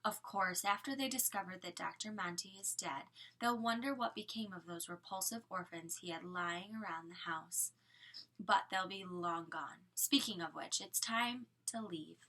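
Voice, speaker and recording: A woman reading aloud and voicing a scheming male villain with a mocking, breathy half-whisper and slow menace. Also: lowish voice, pushed and bright.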